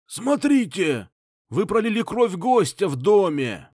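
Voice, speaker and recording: Hoarse rattling old patriarch. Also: male voice, high voice, very animated, slow, no echo, studio quality, voice pushed up, heavily acted. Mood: shouting. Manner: shouting, pleading. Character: rattling frail old man, clan patriarch, indignant.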